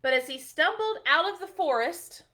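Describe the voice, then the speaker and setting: Her voice sits high and her pace is moderate as a woman children's librarian reads a picture book aloud for bedtime. She tells it gently, with plenty of expression.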